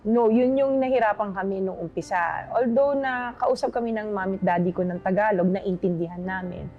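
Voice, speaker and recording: A woman in her forties, raised in the Philippines and the UK, answering interview questions politely and telling her story softly. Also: medium pitch, moderate pace, phone-quality sound, faint music behind. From Philippines, raised partly in the UK. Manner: polite, soft-spoken storytelling with respectful replies. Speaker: interview guest. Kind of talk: casual chat interview.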